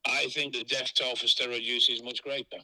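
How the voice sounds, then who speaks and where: A man's voice: medium pitch, level tone, brisk, sharp tone. A man speaking bluntly and frankly as an interviewee, heard over a phone line. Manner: blunt, frank and matter-of-fact.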